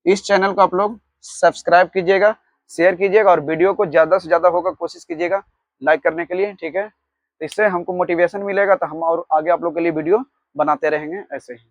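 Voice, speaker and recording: A man teaching a grammar lesson, explaining with examples and slowly dictating key words, repeating each one. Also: high voice, steady tone, no room sound, highs cut off. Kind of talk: Hindi grammar lecture.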